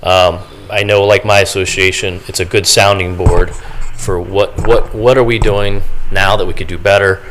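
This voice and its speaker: A man with a very low voice offers thanks at a county meeting, stopping and restarting as he searches for words. His delivery stays informal and a little halting. Faint room noise runs underneath. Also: little pitch movement, a bit bright, rough recording. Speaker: county official. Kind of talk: meeting remarks.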